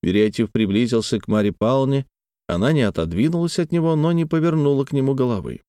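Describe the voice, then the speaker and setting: A male audiobook narrator reading classic prose in an even, unhurried way. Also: medium pitch, clean tone, dry recording, clean studio sound.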